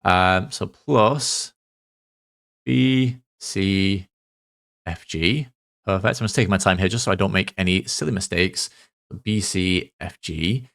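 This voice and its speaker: A man, a maths tutor talking through a worked solution step by step, a little hoarse from losing his voice. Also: sits low, slow, a bit bright. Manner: methodical, talks through steps aloud.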